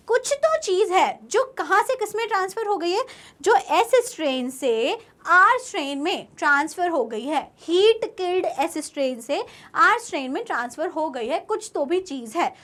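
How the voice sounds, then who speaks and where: Woman, young adult, teacher, high voice, online lecture, quizzes students then answers. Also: moderate pace. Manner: lively, asks students questions and answers them herself.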